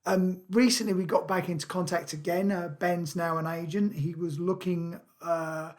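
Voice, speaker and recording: Young guy hosting his podcast, bit high voice, lots of ums and uhs. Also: fairly even intonation. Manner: halting, many fillers, chatty. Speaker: podcast host. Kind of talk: casual podcast chat.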